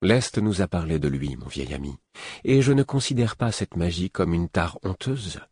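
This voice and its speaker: A man reading the part of a soft-spoken, composed queen in an audiobook, speaking gently and earnestly. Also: deep voice, expressive, normal speed, breathy edge, dry recording, studio quality.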